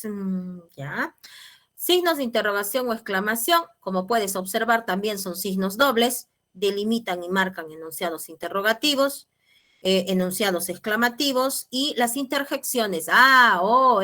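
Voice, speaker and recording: A woman's voice: medium pitch, animated, unhurried, sharp tone. Female teacher, patient, keeps checking in, mid-range voice, video-class mic. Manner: patient, checks in with tag questions. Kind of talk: online class lecture.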